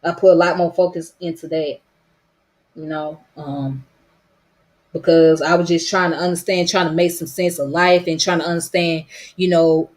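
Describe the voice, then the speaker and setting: Talking loosely to camera in a casual vlog, this Georgia woman has a strong Southern accent from her home state and a voice that's a little worn. It's lowish, level in tone, a little mellow, and at normal speed. Her rambling monologue is full of "you know what I'm saying."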